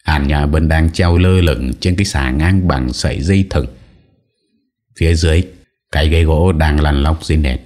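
A man's voice: extremely low pitch, normal speed, a little mellow. A man narrating an audio story in a dramatic storytelling manner.

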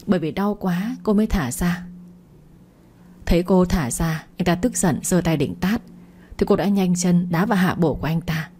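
A woman's voice: on the low side, normal speed, a little mellow, husky. A woman reading a story aloud, narrating and briefly voicing each character herself. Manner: reads every character herself with light voice changes.

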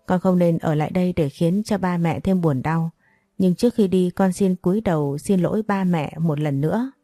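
Woman voicing a humble young daughter, apologetic, soft warm low voice, dry sound, storybook reading. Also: moderate pace, no echo, faint music behind, natural voice. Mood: remorseful.

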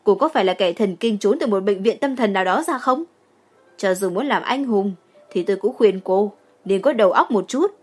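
A woman voicing a furious mother in her thirties who scolds loudly and shrilly, in an audiobook. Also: a little high, animated, moderate pace, hardly any pauses, husky, soft background music.

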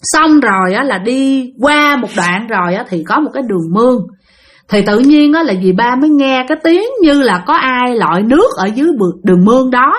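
A woman's voice: on the high side, animated, moderate pace. A woman telling a ghost story, addressing her listeners directly.

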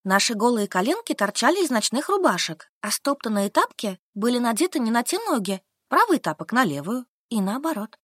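A woman's voice: a little high, big pitch swings, brisk, hardly any pauses, breathy edge, dry recording, studio quality. A woman narrating a novel in the first person as an audiobook.

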